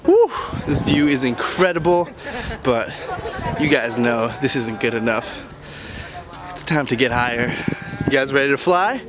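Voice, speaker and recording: A man's voice: mid-range voice, lively intonation, a little slow, very noisy. A young man chatting casually to camera as he tours an island, talking straight to his viewers. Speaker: travel vlogger. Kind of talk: casual travel vlog to camera. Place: outdoors on a tropical island. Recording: outdoor camera audio with background music and crowd.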